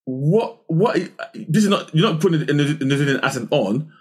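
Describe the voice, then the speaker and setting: A man with a husky voice in casual film chat, stammering on repeated words and teasing. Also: a little high, expressive, fairly quick, a little mellow. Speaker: podcast co-host. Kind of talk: casual movie discussion.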